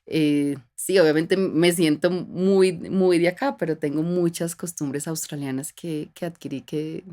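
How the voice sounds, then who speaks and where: A Colombian woman of about thirty with a Bogotá accent appears as a guest in a casual interview, recounting her experiences with pauses, fillers and restarts. Her deep voice stays fairly even in intonation, and her storytelling is reflective and warm.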